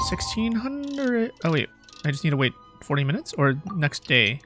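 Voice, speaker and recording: A man's voice: on the high side, sing-song, normal speed, over music. A man livestreaming a game, chatting casually, swearing and musing aloud about his choices.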